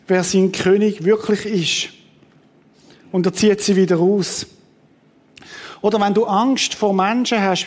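A man delivers a sermon from the pulpit. His voice sits high, and he preaches with animated energy, jumping into quoted voices and restarting his sentences as he goes. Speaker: pastor.

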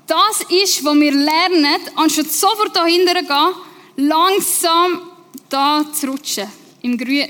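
High-voiced woman preaching with Swiss German accent. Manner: lively, conversational, sometimes slowing for emphasis. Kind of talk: sermon. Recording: long reverb in a large hall.

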